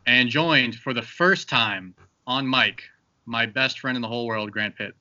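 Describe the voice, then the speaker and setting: A man's voice: mid-range voice, a little slow, pushed and bright, lo-fi sound. A man hosting a casual podcast chat, joking and loose, with plenty of fillers. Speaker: podcast host.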